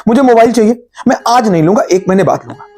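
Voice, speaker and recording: A man gives a spiritual talk in an expressive, fast, fairly high voice with a darkish tone and a breathy edge. Earnestly addressing the listener directly, he poses rhetorical questions and answers them himself. Faint guitar music plays behind him.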